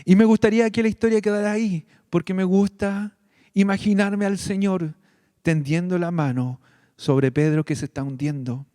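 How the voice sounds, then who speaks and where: Man preaching a sermon, mellow voice, dry close sound, slow and earnest. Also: sits high, fairly even intonation, no room sound. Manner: slow, earnest preaching addressing the congregation directly. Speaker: pastor.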